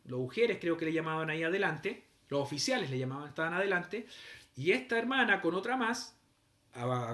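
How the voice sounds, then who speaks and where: A man's voice: on the high side, bright, forceful tone, echoey room. A middle-aged man, telling a story in a sermon, acting out voices and sounds as he goes. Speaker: preacher.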